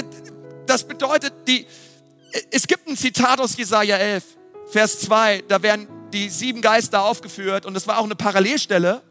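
A man giving a lively, emphatic sermon with dramatic questions. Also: very high-pitched. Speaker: preacher.

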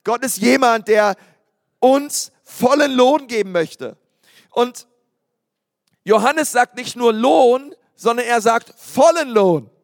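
A man preaching a lively sermon, calling out to his congregation and repeating key phrases for emphasis. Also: extremely high pitch, slow pace, vocal fry, no room sound, studio quality. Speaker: pastor.

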